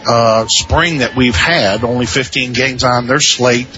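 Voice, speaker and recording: A man giving conversational pregame softball commentary as a sports broadcaster, with halting, hesitant phrasing. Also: mid-range voice, steady tone. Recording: dull lo-fi radio feed with noise.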